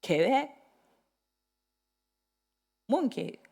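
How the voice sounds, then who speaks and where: An older woman pastor preaching a sermon in an animated, conversational way, dropping into whispers between loud bursts. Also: high voice, drawn-out words, vocal fry, slightly rough.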